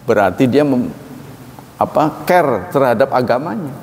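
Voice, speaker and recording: A man giving a Quran lesson as a sermon, talking in a casual lively way and acting out little dialogues. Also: unhurried, in a large hall, slight background noise. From Indonesia. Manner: lively, acts out dialogues with animated pitch jumps. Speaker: Quran teacher.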